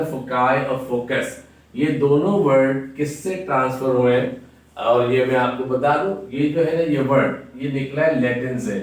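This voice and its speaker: Slow, echoey teacher spelling words. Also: male voice, mid-range voice. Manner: repeats and checks with the viewer. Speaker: English teacher. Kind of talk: classroom-style grammar lesson. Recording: very echoey room, mic at a distance.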